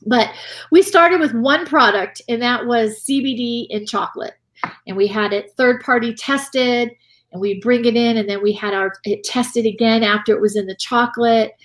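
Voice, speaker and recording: Lively higher-voiced woman guest. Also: normal speed. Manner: animated, tags lines with "right?" and "you know". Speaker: guest business owner. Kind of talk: casual interview chat.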